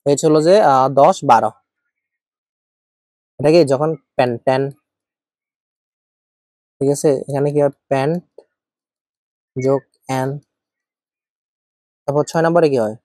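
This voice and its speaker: A male chemistry teacher gives an informal lecture in a warm, mid-range voice, speaking slowly and pausing often. He poses questions and answers them himself, thinks aloud as he writes, and checks in with his students frequently. The recording is dry and of studio quality.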